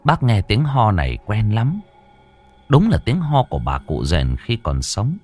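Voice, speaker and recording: A man's voice: on the low side, wildly swooping pitch, a little slow, a little mellow, faint music behind. A man narrating a horror story in a dramatic, suspenseful way.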